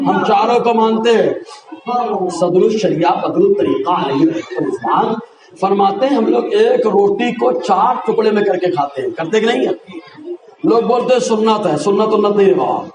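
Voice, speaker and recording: A male preacher giving a fervent sermon, shouting and teasing his listeners to answer back. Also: high-pitched. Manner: fervent, shouting, teases the crowd. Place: outdoor religious gathering. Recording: echoey, mic far off, loud crowd. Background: crowd of listeners.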